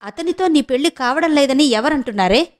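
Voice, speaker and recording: Firm protective elder sister, pressing questions, bright high voice, read by a woman, audio story. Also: animated, brisk. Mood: reassuring.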